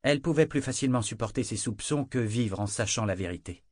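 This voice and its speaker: A man reading a fantasy novel aloud as narrator, in an even, measured way. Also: mid-range voice, dry recording, clean studio sound. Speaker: audiobook narrator.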